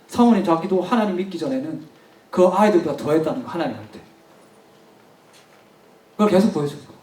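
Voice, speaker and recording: A man preaching to his congregation, retelling a story and repeating key words for weight. His voice sits high, and it rings through a roomy church hall. He sounds a little far from the microphone. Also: animated, a little fast, a little mellow. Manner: storytelling, emphatic repetition, addresses the congregation directly. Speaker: pastor. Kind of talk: sermon. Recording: echoey hall, mic at a distance.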